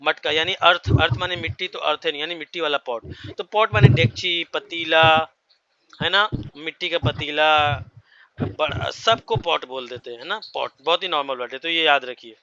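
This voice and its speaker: A man's voice: fairly high pitch, moderate pace, bright, forceful tone, lo-fi sound. A man teaching English vocabulary to a class, explaining each word and checking that everyone follows. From India.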